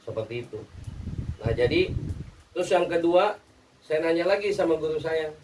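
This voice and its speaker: A man gives casual religious teaching, his voice sitting a little high for a man. He talks plainly, dropping small fillers and asking if everyone follows. The mic is set some way off, with a faint hiss of noise behind him. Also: normal speed, a little mellow, far from the mic, poor audio. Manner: conversational, with frequent "ya" and "nah" fillers; checks that listeners follow. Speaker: Islamic spiritual teacher.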